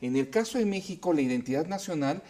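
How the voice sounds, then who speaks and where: A man's voice: fairly high pitch, expressive, fast, dark tone. A man speaking as an academic panelist, thoughtful with some hesitation. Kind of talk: panel discussion.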